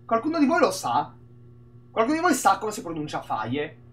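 A man's voice: sits high, moderate pace. A man from Italy streaming an indie game, rambling and swearing casually as he talks through it. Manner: animated, rambling, swears a lot. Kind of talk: casual gameplay commentary.

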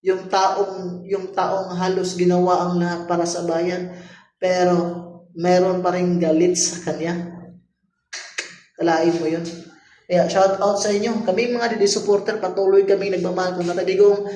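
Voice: mid-range voice, little pitch movement, moderate pace, long pauses, mellow. Emphatic Filipino vlogger in an echoey room. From Philippines. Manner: emphatic, rhetorical, keeps asking "di ba?". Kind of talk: casual opinion vlog.

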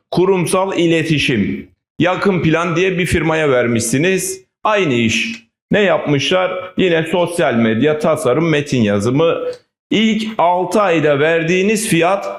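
Emphatic male council chairman, echoey hall microphone. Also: on the high side. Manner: emphatic, repeats key phrases, rhetorical questions. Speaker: politician chairing a municipal council meeting. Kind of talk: political speech to a council. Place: large indoor meeting hall.

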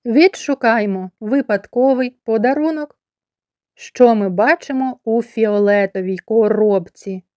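A woman's voice: medium pitch, a little mellow, clear, resonant tone, dry recording. A kindergarten teacher from Ukraine giving a lesson to young children, stretching out and repeating sounds as she teaches. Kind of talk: slow, clearly articulated lesson for young children.

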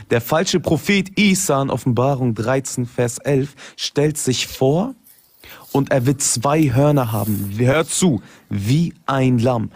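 A man's voice: medium pitch, darkish tone, slightly rough, dry recording. A man in a heated online religious debate, laying out numbered points and calling each one a knockout. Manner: assertive, lists points and declares knockouts.

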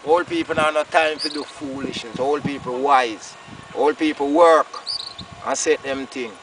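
A man's voice: a little high, fairly even intonation, a little slow, fairly bright tone, recorded from a distance, poor audio. An older Jamaican man talks in casual rasta-style patois, driving points home by repeating them. He is recorded outdoors by a roadside, a little away from the mic, with faint noise around him. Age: older, about 60s. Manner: emphatic, repeats phrases. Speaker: farmer being interviewed.

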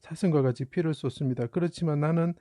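A middle-aged man giving a lecture on Bible characters in a slow, emphatic way, asking his listeners questions as he explains. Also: a little high, warm tone, no room sound, clean studio sound.

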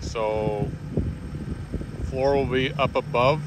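A man explaining parts at an outdoor building site in a relaxed way, often trailing off. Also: medium pitch, takes it slowly. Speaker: builder narrating a barn build. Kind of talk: casual on-site walkthrough. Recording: loud outdoor noise. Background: heavy outdoor noise.

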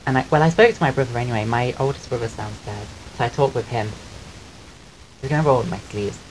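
Soft-voiced man chatting on a noisy stream. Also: medium pitch, brisk. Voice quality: soft voice often mistaken for a woman's on the phone. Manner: chatty and rambling, thanks viewers while eating. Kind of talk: casual live-stream chat. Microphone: desk microphone. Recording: clear background noise on the stream mic.

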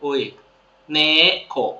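A man with a Thai accent teaching a Japanese lesson to students, friendly and repeating each word slowly for them to copy. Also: darkish tone. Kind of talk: casual classroom-style video lesson. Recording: echoey room, dull lo-fi sound.

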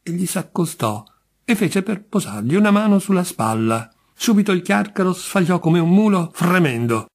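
A man reading a literary short story aloud as a narrator, measured and expressive. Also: high-pitched. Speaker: audiobook reader.

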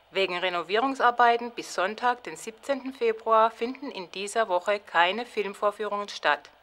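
A woman's voice: medium pitch, fairly bright tone, natural voice. A woman playing a formal announcer on a cinema's answering machine message.

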